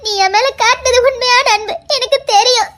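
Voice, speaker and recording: Woman doing a heartbroken young lover, Tirunelveli accent, tearful pleading, very high voice. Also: fairly even intonation, a little fast, a bit bright. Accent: Tirunelveli Tamil. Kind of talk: comedy skit drama.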